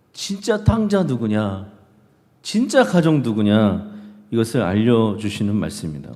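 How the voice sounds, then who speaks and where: In a church sanctuary, a male pastor preaches a sermon in a dark, mid-range voice. He is emphatic and keeps putting rhetorical questions to the congregation, and the church hall's long reverb trails after his words.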